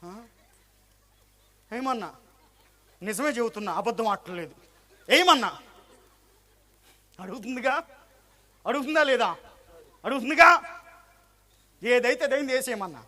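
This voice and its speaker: A pastor preaching a sermon with rhetorical questions and emphatic, repeated phrases. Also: male voice, very high voice, animated, a little slow, pauses often, pushed and bright.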